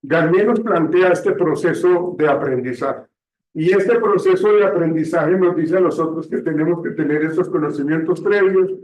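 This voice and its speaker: A man teaching a classroom lecture, often pausing to check understanding, recorded from a distance in a classroom. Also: fairly high pitch, darkish tone. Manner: slow, checks understanding with frequent "¿sí?". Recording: echoey room, distant mic, dull sound.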